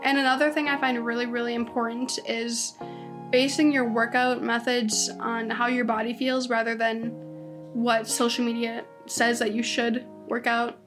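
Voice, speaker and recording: Recording at home with background music, a woman in her twenties delivers a casual solo podcast monologue at a normal pace. Her voice is fairly high with little pitch movement, and she chats in a rambling way, saying "like" a lot and restarting sentences.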